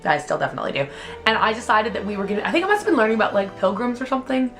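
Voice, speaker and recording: A woman's voice: on the high side, rapid-fire, soft background music. A young woman, telling childhood stories in a casual, chatty vlog, filling her speech with "like". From Canada. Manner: chatty, heavy use of "like", animated retelling. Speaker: vlogger.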